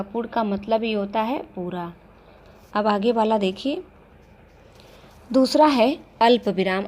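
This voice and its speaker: A woman schoolteacher giving a recorded Hindi grammar lesson to young children, speaking slowly and patiently and asking them simple questions. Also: medium pitch. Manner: slow, patient, addressing children directly with questions. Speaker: primary school teacher.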